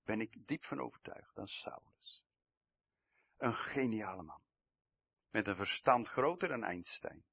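Male preacher, slow deliberate sermon, wide-ranging pitch, husky, dull lo-fi recording. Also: lively intonation. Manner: swings from loud emphatic outbursts to hushed low passages.

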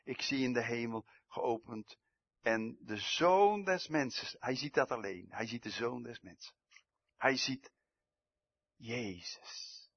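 A man preaching a sermon, swinging from loud emphatic outbursts to hushed, low passages. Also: husky, lo-fi sound.

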